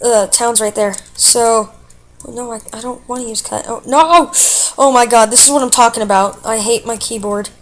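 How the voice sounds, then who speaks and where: A woman's voice: a little high, fairly even intonation, normal speed. A woman giving casual, chatty commentary over her own gameplay, talking to her viewers and reacting aloud to what happens in the game. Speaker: let's play gamer.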